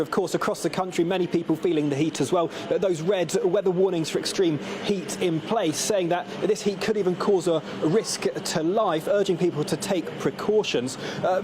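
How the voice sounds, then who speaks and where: A man reporting live for the news from a beach outdoors, in a brisk, professional and chatty way. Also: high-pitched, background noise.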